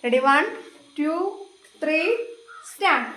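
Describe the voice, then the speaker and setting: A woman's voice: high-pitched, slow, a bit bright. A woman hosting a casual family challenge vlog at home, playful and giggly, coaxing the others along. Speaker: vlogger host. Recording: echoey room.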